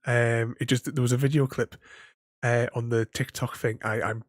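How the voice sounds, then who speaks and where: A man's voice: mid-range voice, level tone, normal speed, dry recording, clean studio sound. A man chatting casually on a gaming livestream. He stutters and repeats words, laughs often and keeps thanking his viewers. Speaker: gaming streamer.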